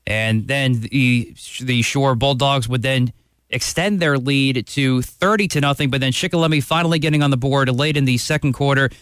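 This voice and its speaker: Guy recapping football scores on radio, smooth clear voice, dry studio sound. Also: medium pitch, moderate pace, fairly bright tone, no echo. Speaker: radio halftime host. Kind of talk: sports scores and highlights recap.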